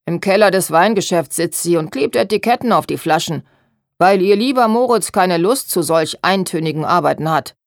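A woman's voice: on the low side, normal speed, hardly any pauses, dry recording, close to an everyday voice. A spiteful seamstress in a storybook, voiced by a woman. She sneers at others in a snide, knowing way. The sound is dry and close. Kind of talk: audiobook reading.

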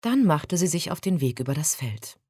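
A woman reading a storybook aloud as narrator, in a calm, expressive reading voice on a close mic. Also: sits low, normal speed, slightly rough, no room sound.

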